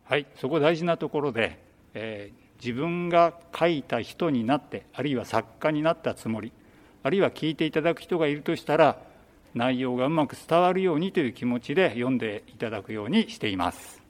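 A man who leads a reading club, answering interview questions calmly with some hesitant fillers. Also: medium pitch, fairly quick. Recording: long reverb.

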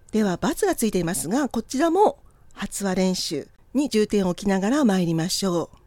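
Polite, lively woman teaching pronunciation. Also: mid-range voice, dry recording. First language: Japanese. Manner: polite, encouraging, honorific Japanese with slow drawn-out model English phrases. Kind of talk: scripted lesson narration.

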